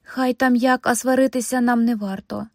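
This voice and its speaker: A gentle elderly lady chats sweetly and politely, as a woman reader puts her on. Her voice sits fairly high and close, with a dry sound. It is storybook reading with a soft, kind touch. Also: steady tone, normal speed, no echo, natural voice. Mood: soothing.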